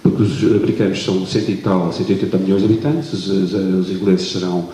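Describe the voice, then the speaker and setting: A man's voice: sits low, quick pace, warm tone. A man with a European Portuguese accent, asking a long question from the audience at a public talk and hesitating often, heard without a microphone. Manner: hesitant, many fillers and restarts. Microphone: no microphone, far from the recording mic. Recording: very echoey hall recording with faint noise.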